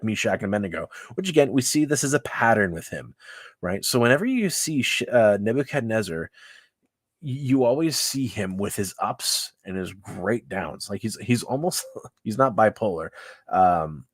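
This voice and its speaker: A man's voice: fairly low pitch, fairly bright tone, no echo. A man leading a casual Bible study livestream, chatty and loose, often laughing and tossing in "like" and "right?". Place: church livestream.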